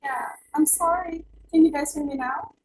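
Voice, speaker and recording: A conference presenter on a video call whose audio keeps cutting out and sounds muffled and scratchy, speaking haltingly and checking whether she can be heard. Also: sits high. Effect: glitchy audio that cuts out, muffled and scratchy. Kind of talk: answering questions on a video call. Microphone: video call microphone, too far away.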